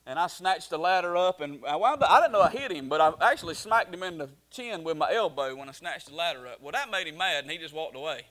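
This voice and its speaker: A middle-aged man preaches in a folksy, rambling way, full of restarts and fillers. His voice sits a little high for a man. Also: lively intonation, fast talker, hardly any pauses, a bit bright. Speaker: pastor. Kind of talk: sermon.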